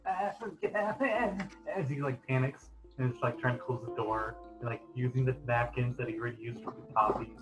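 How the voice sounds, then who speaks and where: A man playing in a tabletop game who jokes and gets excited. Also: medium pitch, quick pace, hardly any pauses, over music, poor audio. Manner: joking, excitable. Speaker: player. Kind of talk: tabletop role-play.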